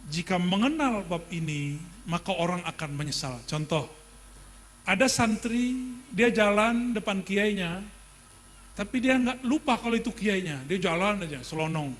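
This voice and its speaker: A middle-aged man delivers a sermon in a high, light voice. He talks in a relaxed, conversational way, putting questions to his listeners and slipping in jokes as he teaches. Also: a little slow. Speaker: Islamic preacher teaching a classical text.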